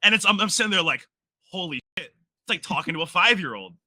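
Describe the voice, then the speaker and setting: Guy on a panel retelling stuff, high pitched really sharp voice, dry mic. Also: animated, fast talker, dry recording. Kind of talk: casual storytelling commentary.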